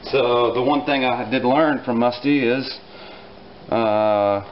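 A man casually explaining a small engine repair in his home garage, relaxed and dryly joking, with plenty of fillers as he works. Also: mid-range voice, takes it slowly, muffled recording, slight background noise. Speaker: repair instructor. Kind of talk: casual hands-on repair tutorial.

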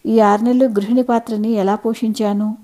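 A woman reading as a gentle, lonely woman in her fifties. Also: fairly high pitch, little pitch movement, moderate pace, close to an everyday voice. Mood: wistful.

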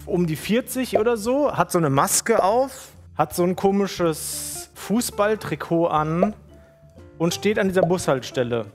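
A man from Germany, a streamer, telling a story in a slangy, animated, casual way. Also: sits high, unhurried, faint music behind. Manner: slangy and animated, acts out quotes.

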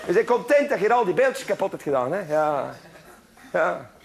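A man's voice: high-pitched, very animated, moderate pace, gravelly, heavy background noise, exaggerated voice. A man with a Flemish accent voicing a cheeky, smug boy who works miracles, teasing and offhand. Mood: taunting.

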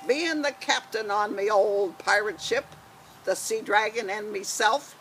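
A woman's voice: mid-range voice, a little slow, a bit bright, a little hiss or hum, close to an everyday voice, poor audio. An older woman voicing a boastful, hot-tempered male pirate captain with a wart and a beard, talking in growly pirate speech, outdoors in a garden. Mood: gruff. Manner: growly pirate talk, dropped words, laughs at own menace.

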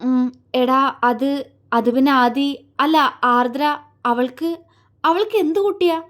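A woman's voice: high voice, slow pace, a bit bright. A woman voicing a young man who stammers and trembles, a tearful, anxious father in an audio story. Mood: shaken, tearful.

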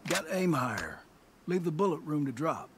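Steady older guide guy in a game, calm, teaches ya stuff, bit high. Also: moderate pace, very noisy. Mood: instructive. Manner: calm, instructive. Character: seasoned older male guide, steady and protective. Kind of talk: video game dialogue.

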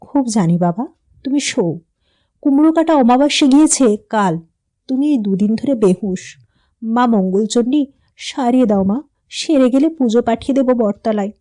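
A woman voicing an anxious, scolding village mother in an audio story, fussy and quick to rise when worried. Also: fairly high pitch, animated, warm tone, close to an everyday voice. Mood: tender.

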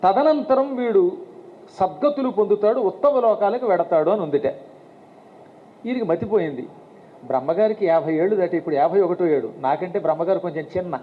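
A man in his fifties giving a storytelling religious discourse, humorous and lively. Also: sits high, fairly quick. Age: 50s. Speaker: devotional speaker. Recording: tinny phone-like sound, faint hiss.

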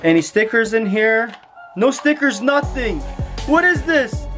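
A man's voice: very high voice, sing-song, a little slow. Dramatic young man vlogging over music. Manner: dramatic, gasping, keeps saying "guys". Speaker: YouTuber. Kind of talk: excited vlog narration. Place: outdoors at night, then indoor room. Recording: loud background music.

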